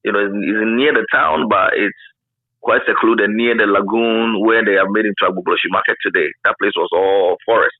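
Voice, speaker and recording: Heard over a narrow, phone-like line with no room sound, a former radio pioneer in his fifties speaks in a lowish, fairly quick voice with a Ghanaian accent. Reminiscing as an interview guest in a casual chat, he frequently repeats phrases to stress them.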